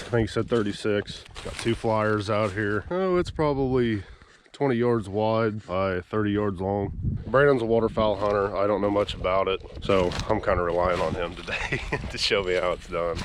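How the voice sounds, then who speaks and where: A lowish-voiced man talks at a moderate pace while filming a hunting vlog outdoors in a rural field on an action camera. He keeps things relaxed and conversational, explaining as he goes, and a slight hiss or hum runs under the recording.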